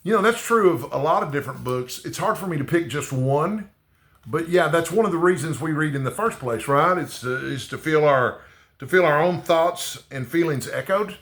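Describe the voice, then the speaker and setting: A slightly Texan booktuber rambles casually to camera, often restarting his thoughts haltingly and closing sentences with "okay?". His voice is a little high, animated, and fairly bright, with a roomy sound.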